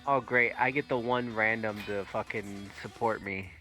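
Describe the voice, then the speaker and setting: A man's voice: on the low side, steady tone, normal speed, sharp tone, faint music behind. A man bantering on a voice chat during a game, blunt and crude, swearing freely. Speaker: player. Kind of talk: casual gaming banter on voice chat.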